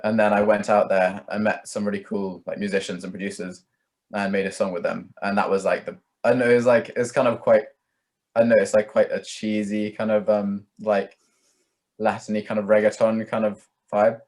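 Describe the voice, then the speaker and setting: Chatting casually as an interview guest, a young man who is a musician speaks a little mellow in a fairly low voice, fairly quick and with little pitch movement. He rambles, hedges, and leans heavily on "like" and "kind of."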